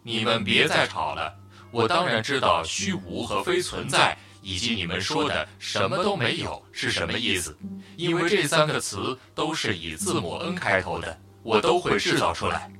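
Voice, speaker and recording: A metallic-voiced machine from an audiobook, voiced by a man. It speaks low but bright and with wide swings in pitch, calm and all-powerful. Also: moderate pace, husky, full character voice. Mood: warning.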